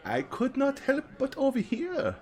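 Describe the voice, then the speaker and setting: A man voicing a fairly old fortune teller with drawn-out, grandiose patter in a tabletop role-play game. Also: extremely high pitch, wildly swooping pitch, darkish tone, voice pushed up, heavily acted. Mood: theatrical, ingratiating.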